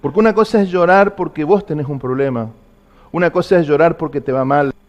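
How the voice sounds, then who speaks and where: A man's voice: fairly high pitch, a little fast, darkish tone, lo-fi sound. A man preaching a sermon, earnestly asking the congregation repeated personal questions. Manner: earnest, repetitive questions to the listener.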